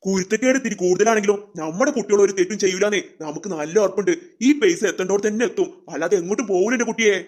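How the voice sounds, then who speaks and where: Brisk, coaxing performer for a family comedy skit, mid-pitched.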